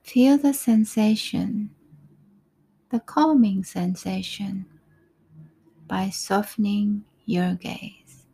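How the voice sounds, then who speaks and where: A woman guides a breathing meditation at an extremely slow, soothing pace. Her voice is soft and breathy, often near a whisper, with a mellow tone and frequent creak. She leaves calm pauses between short phrases. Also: mid-range voice.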